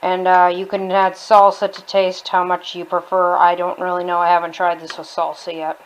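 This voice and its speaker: A woman's voice: lowish voice, monotone, normal speed, slight background noise, rough recording. Chatty woman demonstrating a recipe at home. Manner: chatty, rambling with restarts. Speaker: home cook vlogger. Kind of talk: casual cooking demonstration. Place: home kitchen.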